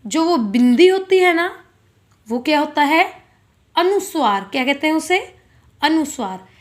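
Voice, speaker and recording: A woman's voice: high-pitched, lively intonation, measured pace. A woman teaching a school grammar lesson, patiently asking questions and answering them herself. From India.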